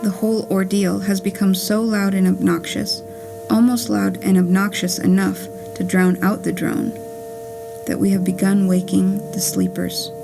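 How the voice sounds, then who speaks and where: A writer and narrator reads her own play, voicing a wry, whimsical letter writer speaking from beyond in a poetic puppet-theater monologue, a scripted letter read aloud. Her mid-pitched, level voice, close to everyday speech, carries a clear creak at its edges as she reads deliberately and with measure. The mood is wry and wistful, and faint music sits beneath a rough recording.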